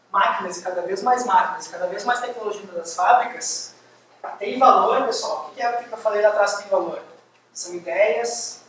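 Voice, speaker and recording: A man giving a university lecture, lively and firing quick questions at the audience. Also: high voice. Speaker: guest lecturer. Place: large lecture hall. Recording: echoey hall, distant mic, faint hiss.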